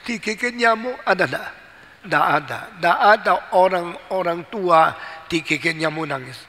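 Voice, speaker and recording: A man's voice: a little high, moderate pace, pushed and bright. Man, pastor, sermon, emphatic, rhetorical questions, long reverberant hall.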